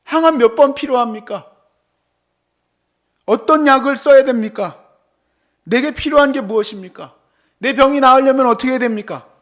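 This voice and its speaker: High-voiced preacher, whispers to shouts. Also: male voice, normal speed, pauses often. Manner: swings from hushed near-whispers to loud exclaiming outbursts; acts out God's and friends' voices in the sermon. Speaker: pastor. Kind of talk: sermon. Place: church service.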